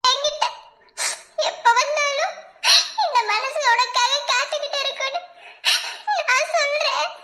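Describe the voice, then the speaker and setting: A woman voicing a heartbroken young woman in a cartoon love story, speaking slowly and tearfully as she pleads with her lover. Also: extremely high pitch, fairly even intonation, pushed and bright, heavily acted. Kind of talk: cartoon voice acting.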